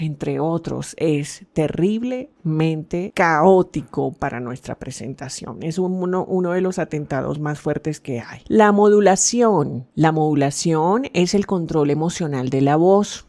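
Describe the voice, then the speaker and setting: A woman hosting a podcast as a public speaking coach, giving a scripted talk with emphatic delivery, lively shifts of tone and dramatic drops in her voice. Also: deep voice.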